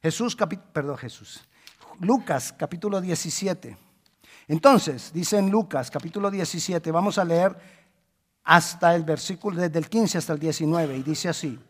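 A man preaching a sermon, moving between hushed pleading and loud emphatic calls, and acting out the voices in the stories he tells. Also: on the high side, normal speed, husky. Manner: acts out quoted voices in storytelling. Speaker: pastor.

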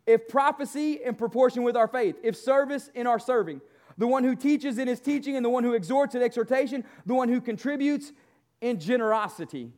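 A man's voice: extremely high pitch, a little mellow. A man preaching a church sermon as a pastor, in an emphatic, motivational, exhorting way with repeated key phrases. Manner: exhorting, motivational, seeking amens from listeners.

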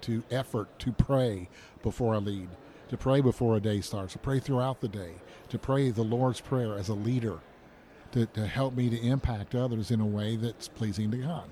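Male author guest, earnest and repetitive, mid-pitched voice, faint hiss behind. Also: fairly even intonation, normal speed, mellow. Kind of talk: radio interview.

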